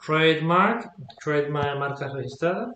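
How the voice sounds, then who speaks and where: A man teaching English vocabulary patiently repeats words and checks that the student is following along. His voice is a little high, bright and forceful, unhurried, with the highs cut off, slight background noise and an echoey room.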